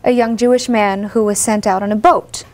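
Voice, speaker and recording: A woman's voice: medium pitch, fairly even intonation, a little fast, darkish tone, a little hiss or hum. A stage actress in an interview, explaining things plainly with small fillers as she talks. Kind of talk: casual interview chat.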